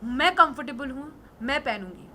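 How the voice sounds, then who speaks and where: A hoarse young woman in her twenties, an influencer and model, talking defiantly and emphatically in an interview. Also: sits high, lively intonation, moderate pace, bright, forceful tone, slight background noise. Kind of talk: casual interview talk.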